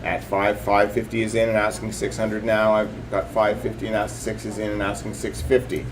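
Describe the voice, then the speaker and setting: A man's voice: on the low side, level tone, normal speed. A man working as a live auctioneer, calling bids and increments in repetitive, clipped patter.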